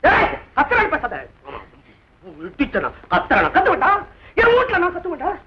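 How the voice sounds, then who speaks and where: An actor playing a jealous, quarrelsome husband in a film comedy, mocking and shouting in turns. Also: male voice, very high-pitched, huge pitch swings, heavily acted, low-quality recording. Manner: mocking, shouting, quick switches of tone. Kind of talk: 1960s Tamil film acting. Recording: hissy old film soundtrack.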